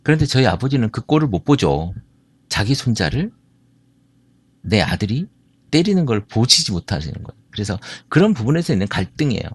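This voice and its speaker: This middle-aged Jeolla native from South Korea gives a talk on marriage and family, weaving stories and quizzing the audience. His husky, mid-range voice is sing-song and a little fast, with no echo.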